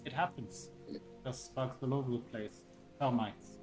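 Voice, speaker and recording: Halting male tabletop player over music. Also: mid-range voice, fairly even intonation, a little mellow. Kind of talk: improvised in-character role-play chat.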